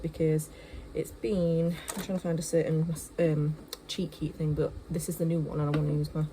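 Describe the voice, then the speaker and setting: A young woman with a Yorkshire accent vlogs casually to her phone camera at home, moving from the kitchen to the bedroom, rambling with lots of fillers and poking fun at herself. Her voice is deep and dark, and the poor audio has slight background noise.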